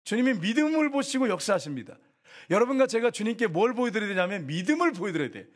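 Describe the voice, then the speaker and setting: A middle-aged man preaching a sermon. His voice sits high, and his pitch swings widely as he throws questions out to the congregation. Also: sing-song, fast. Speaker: pastor.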